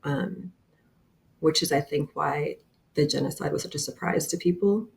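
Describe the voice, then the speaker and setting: A woman in her thirties from Bosnia and Herzegovina, with a Bosnian accent, is an earnest guest on a casual remote interview who often uses fillers. She has a low-pitched, gravelly and slightly mellow voice and talks at a moderate pace.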